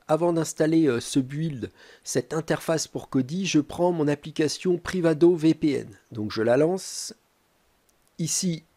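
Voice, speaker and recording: A man presenting a step-by-step tech tutorial, talking calmly with frequent hesitant filler pauses. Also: a little high.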